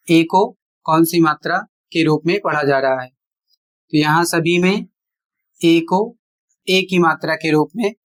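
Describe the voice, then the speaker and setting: A teacher giving an online pronunciation lesson, explaining each rule deliberately and repeating examples step by step. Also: mid-range voice.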